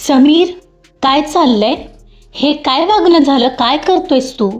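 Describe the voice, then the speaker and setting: A woman's voice: sits high, unhurried. A woman voicing a composed male boss who speaks firmly and sternly, in a storybook reading. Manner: stern, firm. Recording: dull lo-fi with faint music.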